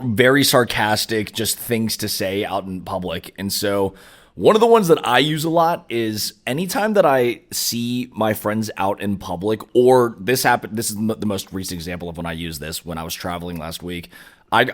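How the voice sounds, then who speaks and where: A young man hosting a podcast, chatting casually and telling stories with an animated, self-amused manner. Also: on the low side. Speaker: podcast host. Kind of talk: casual chat.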